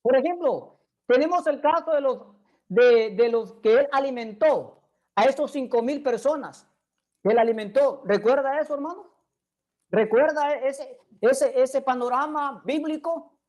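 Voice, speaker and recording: High-voiced woman preaching a sermon. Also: unhurried, a little mellow. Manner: earnest, addresses listeners directly with questions.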